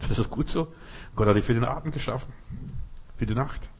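A man preaching a sermon, talking straight to the listener with vivid everyday images and sudden changes in loudness. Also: a little fast, a little hiss or hum. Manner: addresses listener directly, vivid everyday images, lively shifts in pitch and loudness. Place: Berlin.

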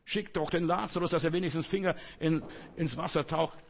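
A man's voice: fairly high pitch, steady tone, brisk, creaky, a little hiss or hum, pitched above the performer's own voice. A preacher doing a tormented rich man pleading.

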